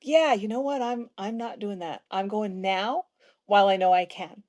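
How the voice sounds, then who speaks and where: A woman in her fifties from South Central Pennsylvania, hosting a casual conversation and telling stories with lively asides. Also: medium pitch, moderate pace, dull audio. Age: 50s. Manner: storytelling, animated asides. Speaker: host.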